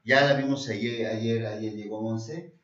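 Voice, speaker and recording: A man with a Mexican accent hosting a naturopathic health talk show, repeating himself and filling pauses with "eh" and "este" as he gives advice and pitches remedies. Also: steady tone, fairly bright tone. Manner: rambling and repetitive, often restarts phrases, fond of saying "eh" and "este". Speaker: naturopathic doctor and show host. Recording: distant mic in a roomy space, dull sound.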